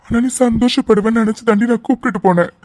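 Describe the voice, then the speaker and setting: A man's voice: very high voice, racing, darkish tone, no room sound. A man voicing a cartoon friend who begs forgiveness and a grieving father, in a pleading, apologetic manner. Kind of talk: cartoon voice acting.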